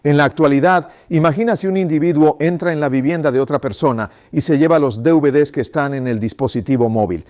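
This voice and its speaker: Man preaching a sermon, fairly high voice, emphatic and insistent, keeps throwing questions at the listeners. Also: fast, hardly any pauses, a little mellow. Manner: fires rhetorical questions at the congregation.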